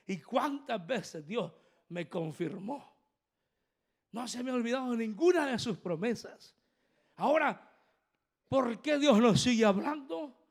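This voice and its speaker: A man preaching a fervent sermon in a high, gravelly voice. He drops to quiet asides, then climbs into loud, driving emphasis. He keeps talking straight to his congregation and has them repeat after him. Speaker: apostle preaching.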